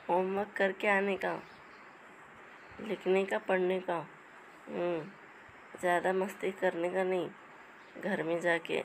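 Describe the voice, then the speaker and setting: Woman chatting to her pets in a funny voice-over, gravelly and unhurried, lots of noise behind. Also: on the low side, little pitch movement, low-quality recording. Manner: playful scolding, coaxing the animals. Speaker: voice-over commentator for pet clips. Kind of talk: comic voice-over talking to pets.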